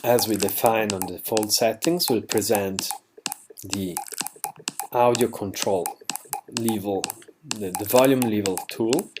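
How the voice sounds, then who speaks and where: A plugin developer demonstrates his software in an unscripted screencast tutorial, speaking slowly in a lowish voice with some background noise. He's halting and keeps correcting himself, and his phrasing sounds slightly non-native.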